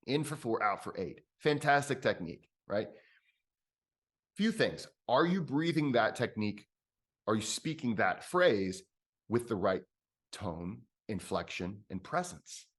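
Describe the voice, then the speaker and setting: A man coaching on breathwork in a relaxed conversation, thinking out loud with restarts and bursts of emphasis. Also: mid-range voice. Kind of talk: conversational explanation.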